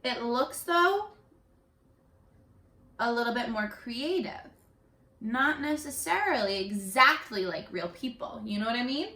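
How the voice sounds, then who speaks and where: On the high side in pitch, a primary school teacher reads a story aloud to young kids from her living room, encouraging and animated throughout. She keeps stopping to ask them questions and leaves room for answers, and the recording has a roomy home echo.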